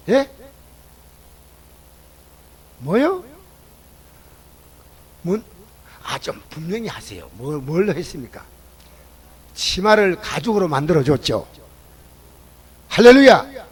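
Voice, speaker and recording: A man preaching a sermon at a church service. He questions the congregation and swings between loud exclamations and low asides. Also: slightly rough, low-quality recording. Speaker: pastor.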